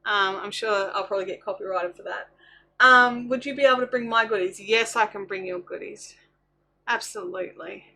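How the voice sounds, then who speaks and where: A woman's voice: mid-range voice, normal speed, gravelly, pushed and bright. A woman hosting a casual craft livestream, chatting informally and thinking aloud in a scattered, self-interrupting way.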